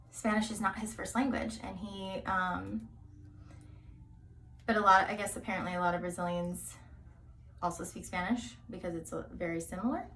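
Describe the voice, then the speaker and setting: A woman's voice: mid-range voice, a bit bright, recorded from a distance, slight background noise. A young woman rambling casually through a hair tutorial, full of fillers and asides, sometimes dropping to a whisper. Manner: chatty and rambling, many fillers, drops into whispers.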